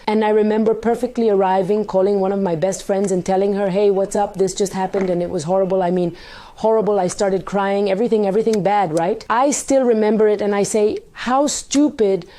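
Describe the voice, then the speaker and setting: Her voice is mellow but hoarse, partly lost from a night out, as this woman vlogger tells a casual confessional story to camera on her own storytime channel. At a medium pitch and fairly quick pace, she retells it candidly and dramatically, acting out quoted dialogue.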